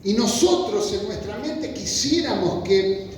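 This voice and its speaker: In a church meeting hall, a man with a Rioplatense Spanish accent preaches a sermon as loose, conversational storytelling, acting out pleading voices. His voice is high and mellow, with lively intonation and a measured pace, over slight background noise. The hall is echoey, and he sounds far from the microphone.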